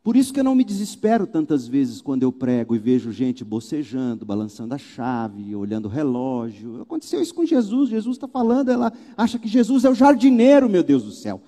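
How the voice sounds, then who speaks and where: A man preaching from a church pulpit, animated, with rhetorical questions and wry asides. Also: medium pitch, fairly quick, few pauses, long reverb tail. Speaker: pastor. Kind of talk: sermon.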